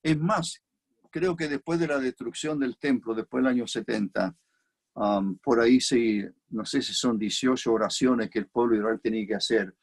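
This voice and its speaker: A man's voice: mid-range voice, moderate pace. A man with a Chilean Spanish accent preaching an expository sermon, reflective and repeating key phrases for emphasis.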